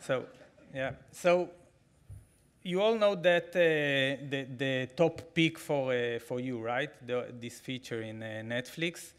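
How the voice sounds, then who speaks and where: A man's voice: medium pitch, slow pace, smooth. A man in his forties speaking at a podium microphone in a big conference hall. He talks conversationally and with energy, with many fillers and restarts. His voice sits in a middle register. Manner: conversational, animated, frequent fillers, gestures while talking. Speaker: keynote speaker. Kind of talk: conference keynote.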